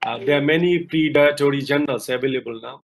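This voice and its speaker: A man's voice: medium pitch, a little fast, low-quality recording. A middle-aged man from Malaysia, a professor answering students' questions in an online lecture, explaining at length with many fillers. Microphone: video call.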